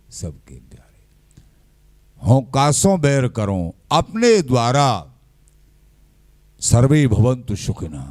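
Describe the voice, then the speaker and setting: A man giving a slow, measured devotional discourse, often quoting scripture verses. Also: mid-range voice, dry recording, clean studio sound. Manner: slow, measured, quotes verses and scripture in a lively rise and fall. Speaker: spiritual teacher.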